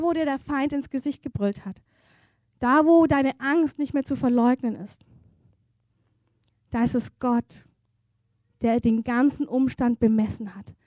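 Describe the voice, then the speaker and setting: A woman preaching a sermon at a church service, earnest and intimate, moving between hushed softness and fervent emphasis. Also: high-pitched, no echo.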